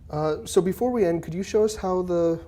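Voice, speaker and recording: A woman's voice: on the low side, fairly quick, warm tone. A teenage girl asking brief, friendly interview questions. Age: teens. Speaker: student interviewer. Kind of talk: casual interview.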